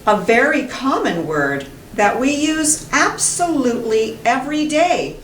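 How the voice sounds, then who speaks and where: A middle-aged American woman, an English pronunciation teacher, gives a deliberate, emphatic lesson to camera, carefully enunciating sounds and words in a high, very animated voice. She's indoors in a small classroom with a whiteboard. A distant camera mic makes the recording roomy, with faint noise.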